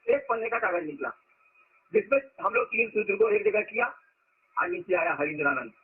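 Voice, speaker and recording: A man's voice: high voice, animated, fairly quick, slightly rough, phone-quality sound. A man giving an informal spiritual discourse as a teacher, talking conversationally and asking rhetorical questions.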